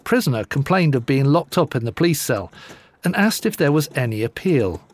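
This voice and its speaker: A man reading old newspaper court reports aloud in a measured, lively way with dry wit. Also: medium pitch. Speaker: narrator.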